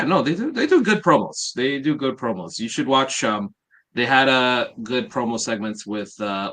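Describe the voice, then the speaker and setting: A podcast host with a medium-pitched, fairly bright voice recaps events in a rambling, casual way, his speech heavy with fillers and lots of "uh"s.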